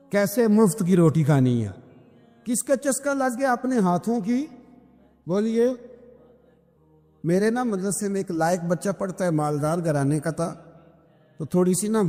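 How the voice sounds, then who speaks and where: A man's voice: on the high side, mellow. A male preacher giving a sermon, telling a story and asking his listeners rhetorical questions to keep them engaged. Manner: engaging, checks the audience is listening. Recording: reverberant hall with faint music.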